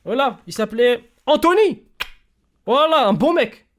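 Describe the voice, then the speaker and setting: A young man streaming, telling stories in casual slangy chat that swings between loud bursts and quiet mumbling. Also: extremely high pitch, expressive, unhurried.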